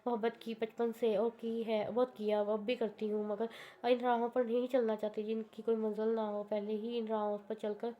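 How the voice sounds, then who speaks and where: A woman's voice: on the high side, little pitch movement, normal speed, lightly acted. A woman voicing a proud but lovesick young woman who speaks with emotion and tears, in a dull lo-fi recording. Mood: tearful. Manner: emotional, tearful pleading. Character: tearful young woman, proud yet in love.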